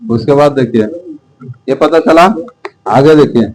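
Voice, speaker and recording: A man teaching Sanskrit grammar slowly, asking the class questions again and again and drilling sounds aloud. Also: medium pitch, a little mellow, low-quality recording. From India. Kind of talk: slow repetitive teaching.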